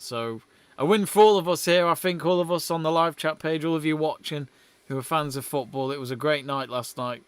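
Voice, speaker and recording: A man's voice: on the high side, fairly bright tone, clear, resonant tone, no room sound. A young man hosting a live football watch-along stream, chatting casually, reading out viewer messages and calling the play as it happens.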